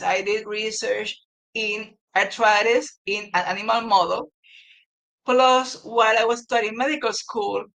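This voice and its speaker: A man, a physician researcher speaking formally and haltingly as a guest on a webinar interview over a video call. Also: sits high, sharp tone, poor audio. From Puerto Rico.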